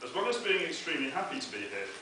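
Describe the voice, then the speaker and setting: A man's voice: on the high side, very animated, very fast. Best man, young male, anecdotal wedding speech; echo-heavy, noisy, off-mic sound. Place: inside a wedding venue, speaking to guests. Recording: very echoey, noisy, distant event recording.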